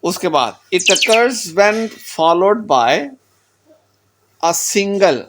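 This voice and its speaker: Slow-paced male German language teacher. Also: high voice, animated, noisy background. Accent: Pakistani Urdu. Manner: explains patiently, often repeats "theek ho gaya", mixes in English phrases. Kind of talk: recorded language lecture.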